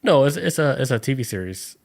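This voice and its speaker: A man co-hosting a casual podcast, spinning a story loosely and dropping "like" between every phrase. His voice sits at an ordinary middle pitch, and he slips into quick put-on voices for the people in his tale. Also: big pitch swings, creaky, a little mellow. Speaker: podcast co-host. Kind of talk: casual chat.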